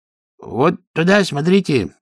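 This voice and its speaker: A man voicing an excitable male city guard who explains things eagerly. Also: fairly high pitch, takes it slowly, no echo, clean studio sound, pitched above the performer's own voice, full character voice.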